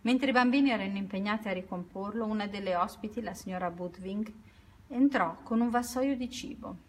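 A woman reads a children's story aloud in a mid-range voice. Her delivery is steady and unhurried, with small self-corrections along the way. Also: medium pitch, slight background noise.

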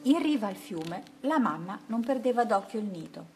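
A woman reads a children's picture book aloud at a mid pitch, gentle and rhythmic, leaning into its rhymes. Soft music runs faintly underneath. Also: animated, normal speed. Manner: gentle, rhythmic, rhyming delivery. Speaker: storyteller.

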